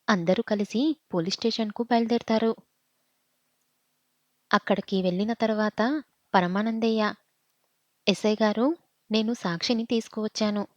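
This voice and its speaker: A woman narrating an emotional audiobook story in a steady, emotive way, in a dull, dry recording. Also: medium pitch, dry recording.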